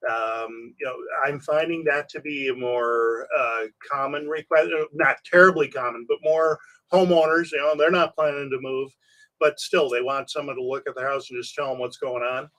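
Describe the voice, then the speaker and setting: A man's voice: medium pitch, fairly even intonation, moderate pace, fairly bright tone, rough recording. A man appearing as a home inspector guest on a radio show, speaking in a laid-back way with dry, self-mocking humor. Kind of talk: casual radio talk. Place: radio studio.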